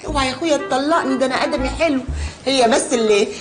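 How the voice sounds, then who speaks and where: A brash new wife from a film comedy, played by a woman with an Egyptian accent. Her voice sits high and moves fast as she bickers. Film music plays clearly underneath. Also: close to an everyday voice. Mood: quarrelsome. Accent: Egyptian Arabic. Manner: brash and quarrelsome, sharp comebacks. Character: brash, quarrelsome newlywed stepmother.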